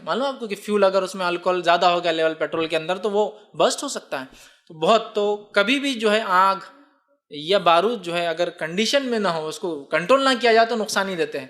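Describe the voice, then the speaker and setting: High-voiced man explaining Islamic rules. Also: pushed and bright. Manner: explains patiently, asks and answers his own rhetorical questions. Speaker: Islamic speaker. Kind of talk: religious Q&A talk.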